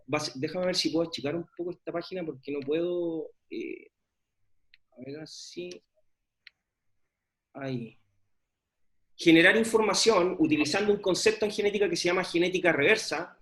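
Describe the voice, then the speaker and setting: A middle-aged man, giving an informal presentation of his research with many fillers and restarts. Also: a little high. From Chile. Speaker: scientist presenting his work.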